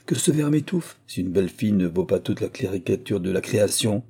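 A man's voice: on the low side, lively intonation, a little fast, creaky, warm tone, slightly rough, exaggerated voice. A man voicing a boastful, mocking country squire in an audiobook, with showy, pseudo-learned bluster. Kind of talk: audiobook character reading.

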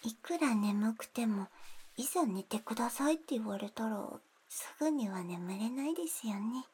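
A woman playing a gentle, drowsy young attendant in an ASMR role-play, speaking soft, breathy, intimate pillow talk to lull a guest to sleep. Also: a little high, animated, moderate pace. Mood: tender, attentive.

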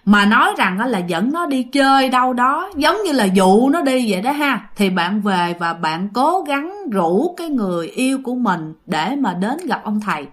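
A woman's voice: fairly high pitch, fairly bright tone. A woman with a Southern Vietnamese accent telling a ghost story in a chatty, casual way, addressing her listeners. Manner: chatty, addresses listeners directly, many fillers.

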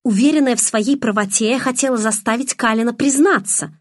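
A woman narrating a novel in the first person, with expressive storytelling. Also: on the high side, brisk, dry recording, studio quality. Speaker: audiobook narrator.

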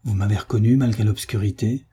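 A man voicing a dreamy, shy young girl who speaks softly and wistfully, in an audiobook. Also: fairly low pitch, steady tone, quick pace, husky. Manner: soft, wistful.

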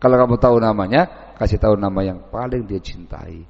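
Speaking briskly in a fairly low, creaky voice, the preacher gives his dawn sermon through folksy storytelling. He acts out conversations from the village, and the echoey hall leaves the recording dull and lo-fi.

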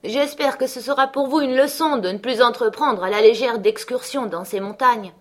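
A harsh, domineering master of a remote farm, as a woman reading a novel puts him on. He speaks loudly and with open scorn, in the plain tones of a storybook reading. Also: mid-range voice, moderate pace, lightly acted. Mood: scornful. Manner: forceful, scornful.

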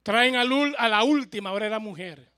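A man's voice: high voice, a little fast, pushed and bright, no room sound, studio quality. A male pastor preaching in a church, telling a humorous story and speaking directly to the congregation.

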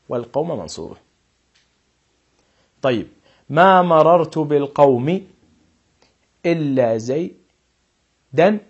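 A man teaching an Arabic grammar lesson, explaining patiently and stressing each quoted example slowly and loudly. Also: medium pitch, husky, muffled recording.

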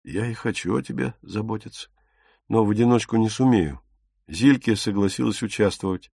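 An earnest, protective young soldier who talks gently and steadily. A male narrator plays him close to his own low voice, on a dry, close recording. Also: moderate pace, creaky, husky, no echo. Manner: soft-spoken, steady. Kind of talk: audiobook character reading.

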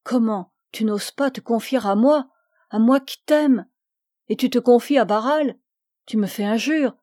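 Woman voicing a pleading young lover for an audiobook, warm voice, dry close sound. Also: mid-range voice, fairly even intonation, unhurried, dry recording, natural voice. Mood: remorseful. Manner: pleading, self-reproaching. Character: young man, tender lover, remorseful.

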